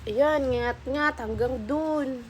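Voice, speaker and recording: A woman's voice: high voice, drawn-out words, a little hiss or hum, rough recording. A woman vlogging at home, mock-scolding and coaxing her dogs in pet talk. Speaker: vlogger and dog owner. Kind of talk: casual vlog, talking to her dogs.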